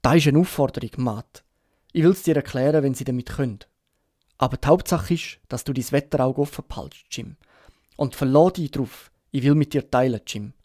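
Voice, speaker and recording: A Swiss German man voicing a sick, gruff old sea captain in an audiobook, urgent and pleading in rough sailor talk. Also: mid-range voice, normal speed, warm tone, dry recording, clean studio sound, lightly acted. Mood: weary, earnest. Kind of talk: audiobook character reading.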